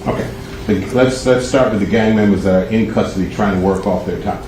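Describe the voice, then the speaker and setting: A man's voice: fairly low pitch, fairly quick. A man cross-examining a witness as an attorney, probing and rephrasing his questions. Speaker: defense attorney. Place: courtroom. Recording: echoey, distant, noisy courtroom audio.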